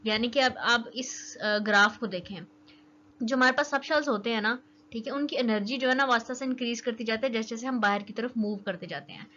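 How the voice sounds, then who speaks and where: A young chemistry teacher gives a chatty, casual lesson, constantly checking in with "okay" as she explains. Her voice is a little high, a little fast, and pushed and bright, on a dull lo-fi recording with faint noise.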